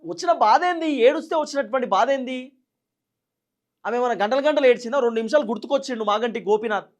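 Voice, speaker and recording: A man's voice: very high-pitched, quick pace. A man with a Telangana Telugu accent giving political commentary, firing off indignant rhetorical questions.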